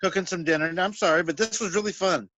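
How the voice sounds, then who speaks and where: A man's voice: sits high, quick pace, pushed and bright, dry recording, muffled recording. A man chatting casually with friends on a group video call. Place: indoors on a computer video call.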